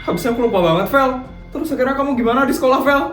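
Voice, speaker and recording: A woman's voice: sits high, rapid-fire, reverberant, soft background music, pitched above the performer's own voice, natural voice. A woman voicing a nosy, teasing schoolgirl sidekick in a cartoon. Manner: teasing, chatty.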